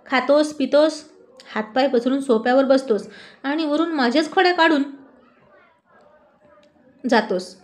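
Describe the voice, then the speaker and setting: A woman's voice: high-pitched, unhurried, long pauses. A woman voicing a feisty teenage girl who bickers indignantly with a cousin. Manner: indignant, teasing.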